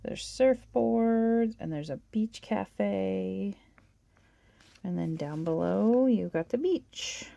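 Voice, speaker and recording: Hoarse woman with a gravelly voice. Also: medium pitch, animated, slow, warm tone, dry recording. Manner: chatty, gushing, with little laughs. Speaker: toy collector channel host. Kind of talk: casual show-and-tell of a toy catalog.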